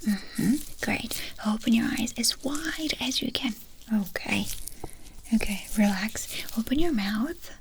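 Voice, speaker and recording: A woman whispering a fast, brisk ASMR whispered role-play as a medical examiner, giving short instructions and questions. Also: a little high, lively intonation, a little hiss or hum, poor audio.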